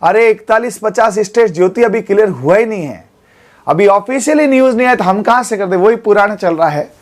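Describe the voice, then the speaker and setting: A man's voice: high voice, animated, brisk. A man, teaching an exam coaching class in a studio. He keeps checking in with his students as he goes.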